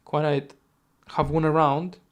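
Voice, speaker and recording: Fast, self-correcting commentary comes from a male caster covering a live esports game, his words sometimes stumbling. He sounds a bit higher-pitched than most men, mixing chatty tangents with sudden excited outbursts.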